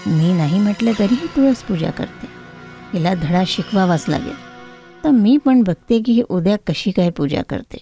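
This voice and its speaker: A woman's voice: medium pitch, animated, normal speed, dark tone, faint music behind, natural voice. A woman voicing a harsh, scheming older mother-in-law in a cartoon story, scolding and taunting as she gives orders.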